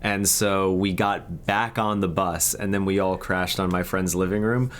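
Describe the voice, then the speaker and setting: A man's voice: low voice, fairly even intonation, measured pace, fairly bright tone, a little hiss or hum. Rambling man telling a story. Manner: rambling, with many filler "like"s. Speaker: podcast guest. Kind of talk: casual storytelling.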